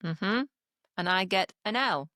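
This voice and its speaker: A woman's voice: medium pitch, slow, bright, forceful tone, no room sound, clean studio sound. A middle-aged woman co-hosting a podcast, trading wry, teasing remarks in casual chat. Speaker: podcast co-host.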